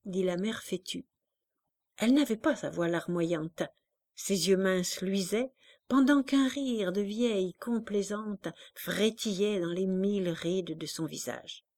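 A woman reading a classic novel aloud as narrator, with expressive, dramatic storytelling. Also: mid-range voice, slow pace.

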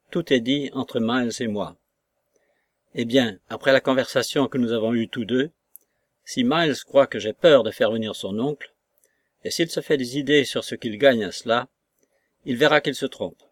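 A man narrating a literary novel for an audiobook in a measured, even storytelling manner. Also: medium pitch, no room sound, studio quality.

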